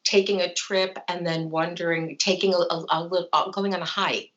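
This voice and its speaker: A woman in her fifties, a psychologist, is a guest on a video call interview from a home room with a plant and a bookshelf. Her lowish, slightly bright voice holds fairly even intonation at a normal speed as she speaks reflectively with many "you know"s. The audio is dull, lo-fi video call quality.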